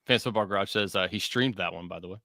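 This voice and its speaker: A man's voice: deep voice, quick pace, bright, forceful tone, no echo, clean studio sound. A man hosting a live-stream talk show, reading chat comments aloud with lots of "uh"s and frequent laughs. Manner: reads chat aloud, filler-heavy, laughs often. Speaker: podcast host. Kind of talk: casual live-stream banter.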